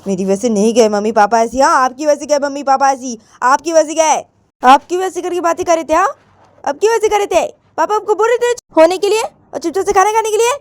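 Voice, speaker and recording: A woman's voice: sits high, fairly quick, no echo, pitched above the performer's own voice, close to an everyday voice. A woman doing a whiny, defiant daughter. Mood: arguing. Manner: whiny, argumentative, repeats herself. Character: defiant young woman arguing back.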